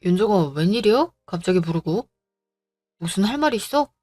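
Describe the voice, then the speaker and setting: A woman voicing a gentle, devoted young man who pleads softly, in a storybook drama reading. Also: mid-range voice, lively intonation, moderate pace, soft background music, close to an everyday voice. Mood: pleading. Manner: pleading, soft-spoken.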